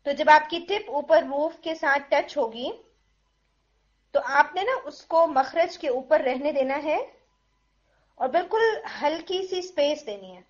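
High-voiced woman teaching recitation. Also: dull audio. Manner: explains patiently, demonstrating sounds slowly; mixes English phrases into Urdu. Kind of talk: tajweed pronunciation lesson.

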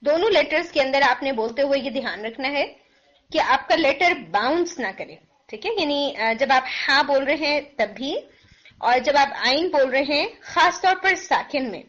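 A woman teaching recitation, demonstrating each sound slowly and mixing in English phrases, with a sore throat that she keeps clearing. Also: high-pitched, expressive, a bit bright, muffled recording. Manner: mixes English phrases into Hindi-Urdu. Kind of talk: pronunciation lesson.

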